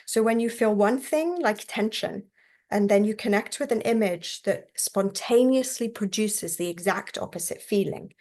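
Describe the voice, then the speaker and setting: A woman teaching a class on therapy technique in a relaxed, conversational way, often checking in with her listeners. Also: mid-range voice, normal speed. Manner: acts out client and therapist voices.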